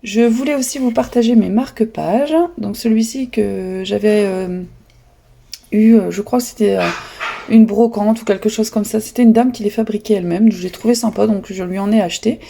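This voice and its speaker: A woman vlogger chatting casually about her latest books, hesitant with many pauses and fillers. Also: mid-range voice, steady tone, creaky, dark tone, a little hiss or hum. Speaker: book vlogger. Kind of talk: casual chat showing books.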